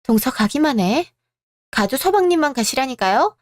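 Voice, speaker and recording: Woman playing a high whiny sister-in-law, bossy and put-upon. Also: animated, normal speed, no echo, studio quality. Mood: indignant. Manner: whiny, indignant. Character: prim elder sister-in-law, self-important and demanding.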